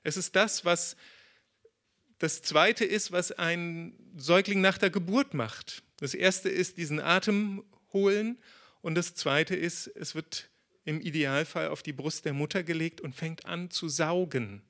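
Slow-speaking male preacher, relaxed sermon. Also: a little high. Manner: conversational, animated storytelling with acted quotes.

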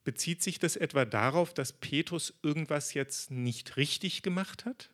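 A man preaching a sermon in a conversational, lively way, acting out quotes as he tells the story. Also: on the high side, moderate pace.

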